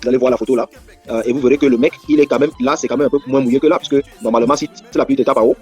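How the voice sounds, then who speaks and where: A man's voice: mid-range voice, steady tone, racing, darkish tone, slightly rough, soft background music. A man in a casual chat, agreeing with his co-host and explaining details at length.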